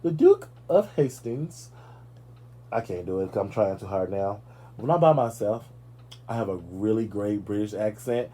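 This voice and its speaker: Speaking at a moderate pace in a lowish voice, this live talk show host dishes on celebrity gossip with sass and animation. His casual chat is sprinkled with playful asides.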